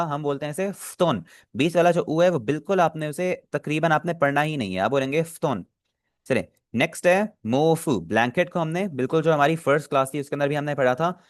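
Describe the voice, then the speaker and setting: A man's voice: fairly high pitch, no echo, studio quality. Patient man teaching an online lesson. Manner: patient, repeats and checks understanding with filler phrases; asks the class questions then answers them. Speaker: Japanese language teacher.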